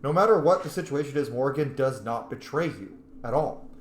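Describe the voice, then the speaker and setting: Brisk and expressive, a medium-pitched man role-plays through a game on stream, thinking out loud in casual commentary and occasionally cursing. The audio has a roomy echo with faint noise behind it.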